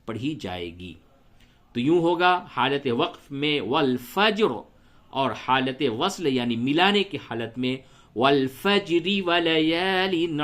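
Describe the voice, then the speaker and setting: Patient Quran teacher spelling out letters. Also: male voice, mid-range voice, fairly bright tone. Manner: explains rules patiently, spells out letters and recites slowly. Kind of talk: tajweed lesson with slow recitation.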